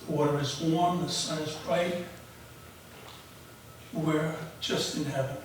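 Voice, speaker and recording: A man in his seventies from New York, telling a personal story live in measured short phrases with pauses. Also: on the high side, fairly even intonation. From United States, raised in the Bronx. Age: 70s. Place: auditorium stage. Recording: very echoey auditorium, noisy, distant.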